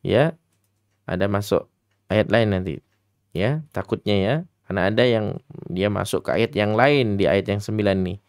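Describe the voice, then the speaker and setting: A man teaching Quran recitation to children in an interactive radio lesson, mixing brisk explanations with slow, drawn-out chanted examples and speaking to the children directly. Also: fairly low pitch, no echo, studio quality. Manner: addresses children directly, patient instructive tone.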